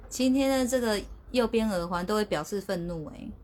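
A woman's voice: mid-range voice, moderate pace, darkish tone. A woman hosting a casual livestream from her phone, chatty and sheepish, often restarting her words. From Taiwan. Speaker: livestream host.

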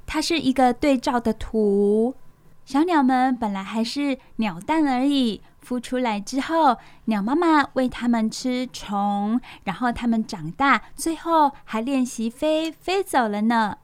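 High-voiced woman reading to little children. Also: a little slow. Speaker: children's radio storytelling host. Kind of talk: reading a picture book aloud to young children.

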